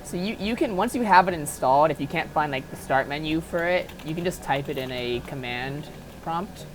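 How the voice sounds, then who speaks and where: A woman with a low, animated voice talks a little fast over a noisy background. She hosts a casual, unscripted tutorial on software modding, speaking offhandedly and thinking aloud as she works.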